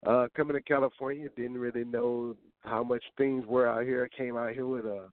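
A man from Georgia with a Southern US accent, talking casually as an interview guest in a halting, reflective, folksy way. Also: medium pitch, level tone, dry recording. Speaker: interview guest, boxer and former dancer. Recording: tinny, dry phone-like radio sound.

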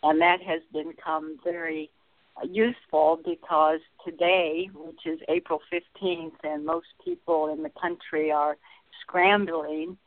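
A woman's voice: low-pitched, steady tone, no room sound. Woman caller on a tinny phone line. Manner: halting, searching for words. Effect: tinny, distant phone line, as if inside a tin can. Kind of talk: call-in radio talk.

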